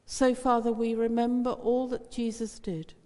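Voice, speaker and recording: A woman's voice: on the high side, flat delivery, dark tone. Woman priest in long cathedral echo. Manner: measured, solemn intoning. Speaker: priest leading communion. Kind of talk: reciting a liturgical prayer. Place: large church. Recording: cavernous church reverb, distant.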